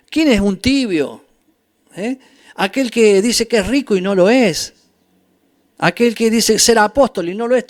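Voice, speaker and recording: A man with an Argentine Spanish accent preaching a sermon as a pastor, emphatic and full of rhetorical questions put to his listeners. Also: high-pitched. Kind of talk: sermon, Bible teaching.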